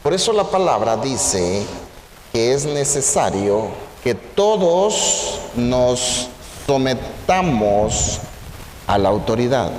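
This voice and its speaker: A man's voice: mid-range voice, big pitch swings, takes it slowly, darkish tone. A male preacher giving a sermon, who keeps asking the congregation questions, recorded in an echoey church hall with faint background noise.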